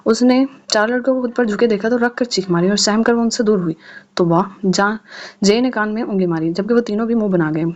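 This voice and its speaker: A woman's voice: medium pitch, brisk, darkish tone, lo-fi sound. A woman narrating an audio novel, reading each character's lines in her own voice. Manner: reads all characters' dialogue in her own voice.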